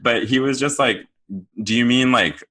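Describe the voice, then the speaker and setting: A man's voice: mid-range voice, moderate pace, sharp tone. A man around thirty from Southern California telling a rambling, self-deprecating childhood story on a podcast. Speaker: podcast co-speaker.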